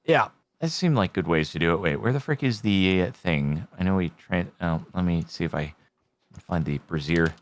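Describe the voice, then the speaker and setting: A man's voice: low-pitched, moderate pace. A man giving casual game commentary, thinking aloud as he plays. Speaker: gaming streamer.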